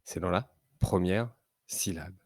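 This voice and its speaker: A male teacher leads a reading lesson for small children, pronouncing single syllables with slow, deliberate care. His pace is unhurried throughout. The recording is dry and close, with no room sound. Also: low-pitched, gravelly, a little mellow, breathy edge, dry recording. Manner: slow, careful, drawn-out syllables.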